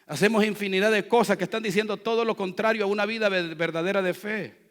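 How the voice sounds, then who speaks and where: A male pastor with a high, bright, ringing voice delivers a fervent sermon, calling on the congregation to repeat after him. His preaching rises from low asides to loud exhortation, and the sound carries a long reverb from the church hall. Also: fairly even intonation, fast talker. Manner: exhorting, call-and-response with the congregation. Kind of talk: Spanish-language church sermon. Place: church sanctuary.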